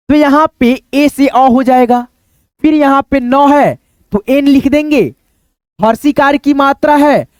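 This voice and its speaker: Man, very high voice, patient step-by-step lesson, asks and answers himself. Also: clean tone, dry recording. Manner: repetitive, explanatory, often asks and answers himself; addresses viewers as friends, drawn-out words. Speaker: teacher. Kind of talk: classroom-style lesson.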